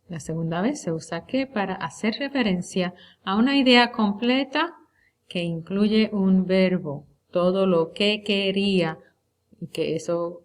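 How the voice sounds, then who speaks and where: A woman teaching Spanish, reviewing a unit for an exam. She speaks slowly and deliberately and draws out the example words. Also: on the low side. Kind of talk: recorded lecture review.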